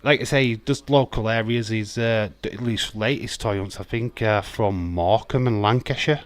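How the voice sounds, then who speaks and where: The recording is dry, and the voice, on the low side, belongs to a broad-accented Yorkshireman from England hosting a livestream. During this casual live watch-along he chats, reads viewer comments aloud, swears, and leans heavily on "uh" and "um" fillers.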